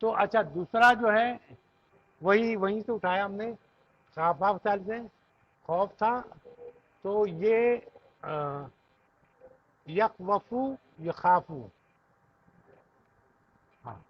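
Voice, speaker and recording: Slow husky Urdu-accented grammar teacher. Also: male voice, high voice, no room sound. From Pakistan. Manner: patient, recites conjugations in chanted lists, often checks "theek hai". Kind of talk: classroom lesson, reciting verb forms. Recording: dull lo-fi classroom recording.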